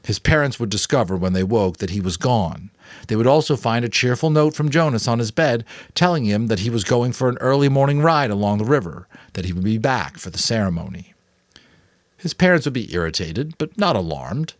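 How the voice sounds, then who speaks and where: An amateur narrator with a medium-pitched voice reads a book briskly and expressively, pausing for offhand commentary along the way. It's a dry, studio-quality recording.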